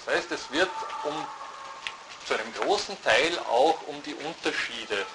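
A man lecturing at a university, thoughtful and halting, often restarting his sentences. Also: fairly high pitch, expressive. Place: lecture hall. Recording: noisy lecture hall recording.

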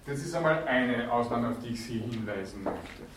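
A man's voice: mid-range voice, lively intonation, moderate pace, far from the mic, a little hiss or hum. Man lecturing in an echoey hall. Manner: explanatory, with frequent fillers and self-corrections. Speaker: university lecturer. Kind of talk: university lecture.

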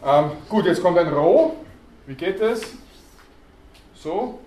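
A student in the audience recorded this university lecture, where a man with a high, slightly mellow voice speaks slowly with lively intonation. He defines terms and quizzes the students, using many hesitation sounds, while the hall echoes and faint background noise lingers.

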